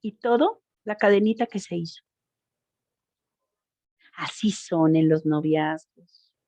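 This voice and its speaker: A woman's voice: lowish voice, slow, warm tone, no echo. A woman giving an informal school talk on gender violence, speaking expressively and addressing the audience directly. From Mexico.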